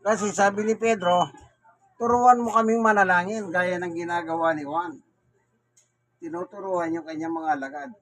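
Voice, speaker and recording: A man's voice: sits high, fairly even intonation, normal speed, a bit bright. A man with a Filipino accent gives a Bible sermon to a neighborhood crowd, often asking questions and answering them himself. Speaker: preacher. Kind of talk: street Bible preaching. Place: neighborhood gathering in Manila.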